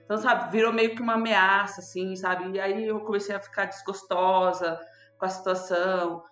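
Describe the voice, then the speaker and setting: A young woman from São Paulo with a São Paulo accent tells a personal story in an animated, emotional way, trailing off with fillers. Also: mid-range voice, normal speed. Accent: São Paulo Portuguese. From São Paulo, Brazil. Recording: roomy echo, faint background music.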